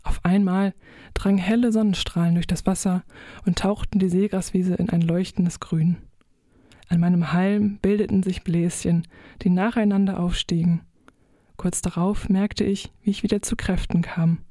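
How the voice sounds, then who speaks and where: A woman narrating a children's audio story in the first person, with gentle, expressive storytelling. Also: lowish voice, moderate pace, no room sound, studio quality.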